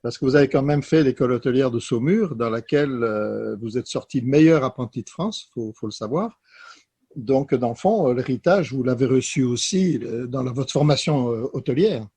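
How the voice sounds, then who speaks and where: A man interviewing a guest, asking long, measured questions with pauses and fillers. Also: mid-range voice, animated, warm tone, husky.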